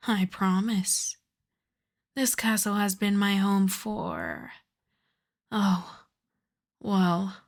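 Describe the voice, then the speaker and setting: A woman playing an ancient aristocratic vampire countess in an ASMR roleplay, soft and breathy with whispers, speaking in a refined, coy, teasing way. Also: medium pitch. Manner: refined, coy, formal old-fashioned phrasing. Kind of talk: ASMR roleplay, slow intimate scripted monologue.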